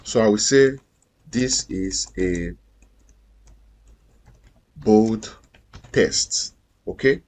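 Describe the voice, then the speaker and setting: A man's voice: on the low side, very slow, long pauses, darkish tone. A man teaching a screen-recorded coding lesson, explaining each step patiently and repeating himself. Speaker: coding instructor.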